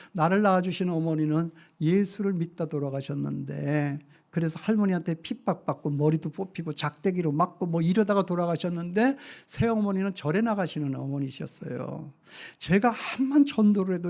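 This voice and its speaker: A male pastor in his sixties preaching a sermon, telling stories with feeling and swinging from hushed to loud. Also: fairly high pitch, creaky. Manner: emotional storytelling, shifting from hushed to loud. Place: church sanctuary.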